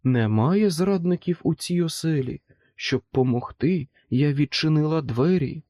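A man's voice: a little high, animated, unhurried, warm tone, dry recording, studio quality. A man voicing a kind female talking poem in a storybook, speaking in lilting verse. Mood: welcoming.

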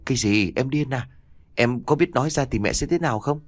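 A man doing a calm, soothing young husband. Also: medium pitch, brisk, no echo, natural voice. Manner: gentle, reassuring.

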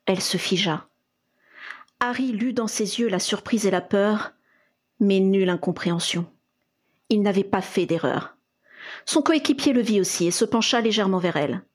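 Woman reading an audiobook, husky voice, middle pitch, steady storytelling. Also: moderate pace, long pauses. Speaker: audiobook reader. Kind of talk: fan fiction audiobook narration.

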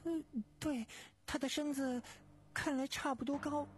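A guilty middle-aged widow in a storybook reading, her voice pitched high and trembling. She pleads and wavers, never steady, a narrator acting her out. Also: a little slow. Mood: flustered. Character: scheming middle-aged widow, nervous then tearful.

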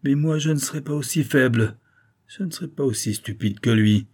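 A man's voice: mid-range voice, normal speed, pitched above the performer's own voice, natural voice. A man voicing a furious old banker, raging. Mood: vengeful. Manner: shouting, vengeful, unsteady. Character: raging elderly banker father, tormented. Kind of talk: audiobook character reading.

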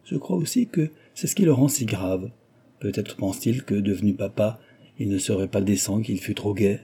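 A man reading an audiobook voices a giddy, mocking young noblewoman who gossips in a lively, teasing way. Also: on the low side, normal speed, breathy edge. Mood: gleeful gossip. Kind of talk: audiobook reading of a classic novel.

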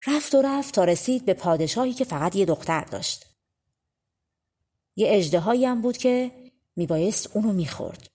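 A woman reading an audiobook of folk tales, narrating in a relaxed, conversational storytelling way. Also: mid-range voice, pauses often. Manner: conversational, spoken-style telling. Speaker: audiobook reader.

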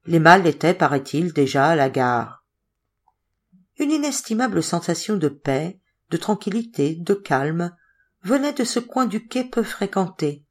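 Woman reading a novel aloud, low-pitched. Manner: measured, expressive storytelling. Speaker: audiobook reader. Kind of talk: audiobook narration of a classic novel.

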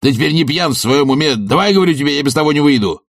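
A male reader voicing a coarse, blustering middle-aged sponger who shouts insults and self-pitying rants in a husky voice. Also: fairly high pitch, animated, rapid-fire, no echo, clean studio sound, pitched above the performer's own voice. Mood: yelling.

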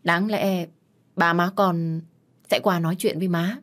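A respectful young suitor speaks politely and deferentially, voiced by a woman storyteller. The tone is low-pitched for her. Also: fairly even intonation, unhurried, close to an everyday voice.

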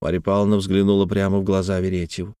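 A male audiobook narrator reading classic prose in an even, unhurried way. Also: deep voice, clear, resonant tone, no echo, clean studio sound.

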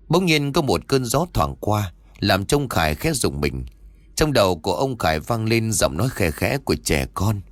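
Speaking in a lowish voice with no echo, a man tells a scripted horror story in a lively way, doing all the character voices on his own.

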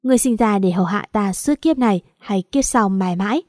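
A woman's voice: mid-range voice, a little fast, darkish tone, no echo, studio quality, natural voice. A woman voicing a domineering, contemptuous male king in an audio story, speaking in cold commands. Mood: cold contempt.

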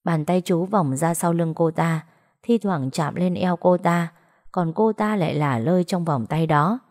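A woman reading a romance story aloud as narrator, even and measured. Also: on the low side.

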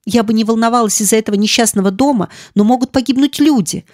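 A woman's voice: fast, darkish tone, dry recording, studio quality, lightly acted. A woman voicing a terrified young maid who pleads and sobs breathlessly in an audiobook. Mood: frantic pleading. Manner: sobbing, breathless, high-pitched cries. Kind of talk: audiobook dialogue.

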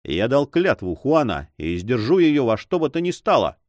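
Audiobook: an ardent, pleading young hero, read by a male narrator, animated delivery. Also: medium pitch, normal speed, no echo, close to an everyday voice. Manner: fervent and pleading. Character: passionate young man, ardent lover. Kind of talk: audiobook reading.

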